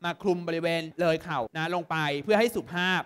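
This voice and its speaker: A young man from Thailand tutoring students for an exam, lively and constantly checking that they understand. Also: a little high, a little fast. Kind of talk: exam prep lesson to students.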